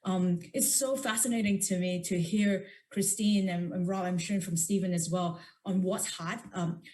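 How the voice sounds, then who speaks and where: A woman's voice: fairly low pitch, steady tone, moderate pace, warm tone. Upbeat woman. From Hong Kong. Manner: upbeat, enthusiastic, with frequent fillers. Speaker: venture investor panelist. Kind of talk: panel discussion.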